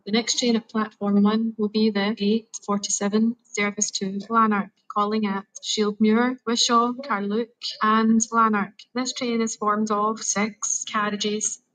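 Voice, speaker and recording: A woman's voice makes an automated train station announcement. She speaks evenly and without much rise or fall, in a mid-range pitch, with a steady, measured delivery. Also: poor audio. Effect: automated train station announcement over loudspeaker. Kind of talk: recorded public announcement.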